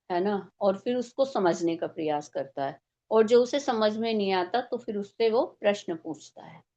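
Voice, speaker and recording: A woman's voice: medium pitch, a little mellow, highs cut off. A woman teaching a devotional scripture class, explaining step by step and posing rhetorical questions.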